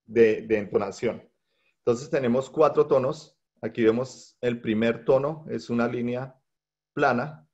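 A man teaches a language workshop over a video call. His voice sits at a middle pitch and he talks with frequent fillers and restarts. The computer mic gives a dull, lo-fi sound. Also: darkish tone. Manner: patient, with many hesitations and fillers. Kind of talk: online workshop lecture. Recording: dull lo-fi online call audio.

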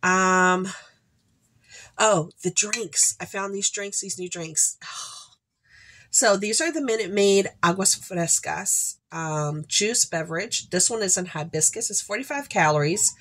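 This is the host of a shopping haul channel, a congested woman in her forties speaking from an indoor room at home with shelves. Her medium-pitched voice is unhurried and a bit bright as she rambles chattily to camera, dropping upbeat asides.

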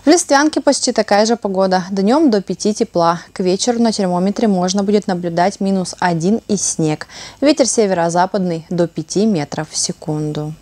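A woman's voice: medium pitch, fairly quick, few pauses, darkish tone, no echo. A woman presenting the local weather forecast in a cheerful, scripted studio delivery. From Russia.

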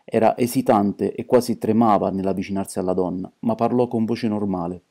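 A man reads an amateur audiobook with steady, measured delivery. His voice sits low. The tone is dark and mellow. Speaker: audiobook narrator.

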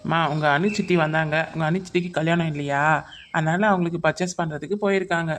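Fields: woman doing a gruff cartoon father. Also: sits low, steady tone, quick pace, slight background noise, lightly acted. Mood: coaxing. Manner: scolding, coaxing. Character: father, impatient but caring. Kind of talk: cartoon voice acting.

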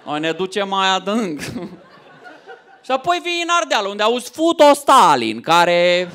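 A man in his thirties from Romania doing a stand-up comedy set on stage, loud and animated, often shouting punchlines. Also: high voice, a little hiss or hum. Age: 30s. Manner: loud, animated, swings into mock voices and shouts. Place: theater stage before a laughing audience.

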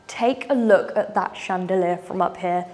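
This young woman has a fairly low, slightly mellow voice and a moderate pace. Clipped with a lapel mic, she gives an enthusiastic, upbeat walking tour of a large furnished house, gesturing as she goes.

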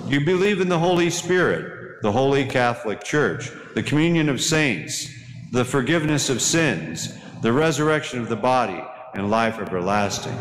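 A middle-aged man, a priest, leading a church service in a measured, solemn liturgical cadence. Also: medium pitch, animated. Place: large church interior. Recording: echoey church hall with noise.

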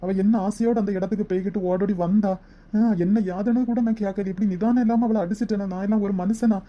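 Voice actor doing a fast-talking remorseful cartoon father. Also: mid-range voice, fairly even intonation, muffled recording, lightly acted. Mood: guilty. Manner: quick, guilty, pleading. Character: remorseful village father, rough but sorry. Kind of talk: cartoon voice acting.

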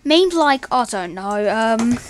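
A young woman giggling and rambling excitably through a casual meme reaction commentary. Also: on the high side, slow, slight background noise. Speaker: meme reaction video host.

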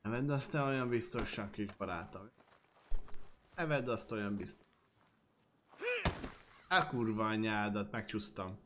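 A man's voice: fairly low pitch, long pauses, background noise. A man streaming a game and commenting casually, joking, swearing and chatting to his horse and viewers.

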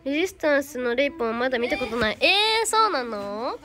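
Bubbly high-voiced teen girl with Kansai accent. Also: expressive, brisk, bright, forceful tone. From Hyogo, Japan. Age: teens. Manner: bubbly, thanks viewers by name, refers to herself by name. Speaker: idol livestreamer. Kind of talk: casual livestream chat reading viewer comments.

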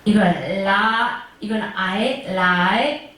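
A woman's voice: mid-range voice, extremely slow, fairly bright tone, far from the mic. A woman teaching Chinese pronunciation in an online lesson, drilling tones aloud and asking her class questions she answers herself. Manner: demonstrates tones and sounds aloud, sometimes singing them. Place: classroom of a senior welfare center. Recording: very echoey room, voice from afar, faint noise.

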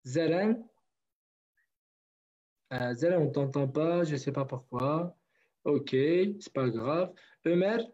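A man's voice: on the high side, slow pace, pauses often, a little mellow. A man from northern Kurdistan teaching a language class online, patiently repeating words for his students. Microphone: video call. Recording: dull lo-fi online call audio.

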